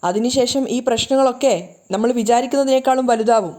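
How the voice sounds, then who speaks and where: A woman's voice: fairly high pitch, steady tone, brisk, warm tone, lightly acted. A woman voicing a grave, worried family man. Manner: grave, pleading caution.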